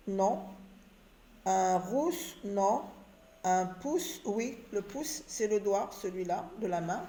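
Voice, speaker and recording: A woman teaching beginners to read, sounding out syllables slowly and drawing out each sound. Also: medium pitch, dark tone, slight background noise. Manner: slow, drawn-out syllable sounding. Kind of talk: reading lesson for beginners. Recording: echoey room.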